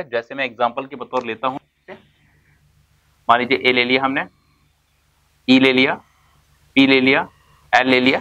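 A man with a mid-range, pushed and bright voice teaches basic English terms classroom-style over a rough recording. Hindi and English words mix in his speech as he asks and answers his own questions, lingering slowly on words to stress them.

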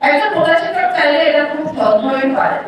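Meeting speaker: woman, high, lilting, heavy hall echo and noise. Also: fairly quick. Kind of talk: public speech. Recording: distant, echoey hall with noise.

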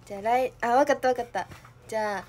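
A woman's voice: a little high, fast, a little mellow, a little hiss or hum. A young woman with a Kansai accent, hosting a livestream in casual chat, playful and giggly, thinking aloud. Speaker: idol livestream host.

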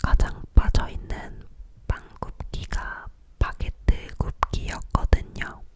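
A young woman leaning in close to the microphone to whisper, giving a breathy, unvoiced ASMR chat about her life. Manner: slowly repeats words as soft trigger sounds. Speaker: ASMR video creator.

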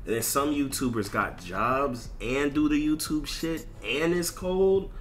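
Faint music plays behind a man with a fairly high, bright voice who rants unhurriedly while streaming gameplay. His talk is casual, blunt, emphatic and repetitive, full of slang and swearing.

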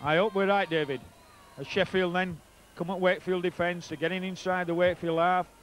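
A man's voice: high voice, fairly even intonation, brisk. A middle-aged man with a Yorkshire accent giving live rugby league match commentary. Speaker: co-commentator, former player. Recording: outdoor match noise behind commentary. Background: stadium ambience and crowd.

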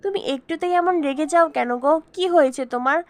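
A woman's voice: high-pitched, moderate pace, no echo, lightly acted. A woman reading the lines of a chatty, curious little girl in a spoken story recap. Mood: eager.

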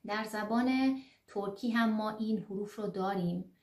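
Female language teacher, mid-pitched, patient and explanatory, many fillers, echoey room. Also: darkish tone. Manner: explanatory, repeats sounds slowly with many fillers. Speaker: German teacher. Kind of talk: online language lesson.

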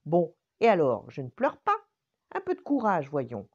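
Vain, scolding ring finger man, swooping pitch, put on by an older woman, storybook, lo-fi. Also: huge pitch swings, unhurried, a little mellow, husky, heavily acted.

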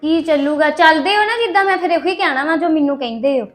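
A woman's voice: high voice, fast, soft background music, lightly acted. A woman playing a defiant young wife with a Punjabi accent, arguing back at her husband. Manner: sharp, defiant. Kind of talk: family drama acting.

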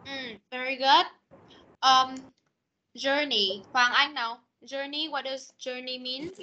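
A woman teaching English online, modeling words slowly and correcting students patiently. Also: high voice, fairly even intonation, sharp tone, lo-fi sound. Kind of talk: online class pronunciation drill. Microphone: computer mic on video call.

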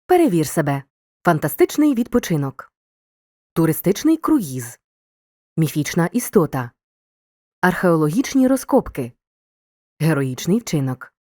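A woman reading a scripted video lesson as a teacher, giving examples in a clear, deliberate way. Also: deep voice, sing-song, darkish tone, no room sound, studio quality.

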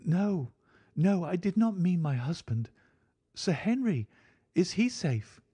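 A man's voice: sits high, sing-song, slow pace, mellow, husky, voice pushed up, heavily acted. A man voicing an anguished, bitter Victorian wife in an audiobook, with impassioned, formal phrasing. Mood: anxious pleading. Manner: impassioned, exclamatory, formal old-fashioned phrasing. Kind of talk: dramatic audiobook character acting.

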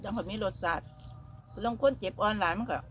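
Isan woman chatting while eating, noisy outdoors. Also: medium pitch. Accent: Isan (northeastern Thai). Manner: talks between mouthfuls, with chewing pauses. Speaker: vlogger. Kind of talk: casual chat while eating. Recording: noisy outdoor ambience with birds.

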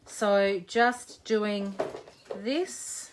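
A woman in her forties hosts a live crafting demo, chatting, joking, and thinking aloud as she works. She speaks very slowly at medium pitch over a noisy background.

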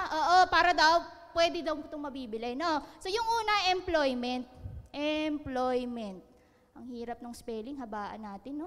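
High-voiced joking woman in a hall. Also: a bit bright. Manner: joking, laughing, asks listeners questions. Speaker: seminar speaker. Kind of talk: lively seminar talk. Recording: long hall reverb.

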